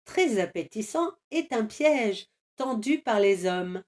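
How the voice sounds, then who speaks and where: Slow gentle woman narrating a cartoon. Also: mid-range voice, expressive. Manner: gentle, measured storytelling. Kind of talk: scripted storybook narration.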